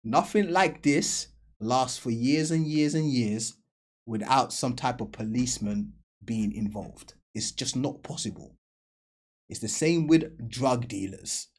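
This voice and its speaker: A man's voice: medium pitch, expressive, a little slow. A man hosting a reaction video, talking bluntly in casual slang and commenting emphatically on what he watches. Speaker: reaction channel host.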